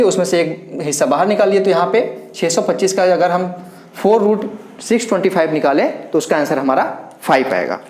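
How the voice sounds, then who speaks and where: A man's voice: sits high, a little mellow. A man teaching a maths lesson, talking students through each step and counting aloud as he writes. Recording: roomy echo.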